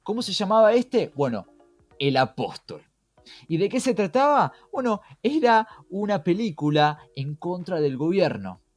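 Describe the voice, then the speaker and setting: Speaking with a Rioplatense Argentine accent, this podcast co-host poses questions to his partner and the audience, then answers them, as he explains topics conversationally. His high voice has a sing-song lilt and a slightly slow pace. There's no echo, just faint music in the background.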